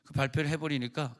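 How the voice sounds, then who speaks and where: Male pastor, sermon at a church prayer service, easygoing storytelling delivery, mid-pitched voice. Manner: conversational preaching with anecdotes and acted quotes.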